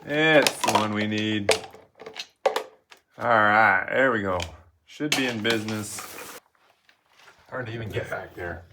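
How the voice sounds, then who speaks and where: A man's voice: lowish voice, slow pace, pauses often, noisy background. A middle-aged man narrating his cabin building in a casual, folksy, self-mocking way. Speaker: vlogger building a log cabin. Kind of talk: casual narration while working. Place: outdoor building site.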